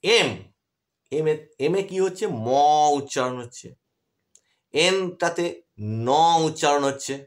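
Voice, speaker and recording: A man's voice: fairly high pitch, slow pace, long pauses, fairly bright tone. A man teaching English grammar in an online class, explaining patiently and asking his students questions as he goes.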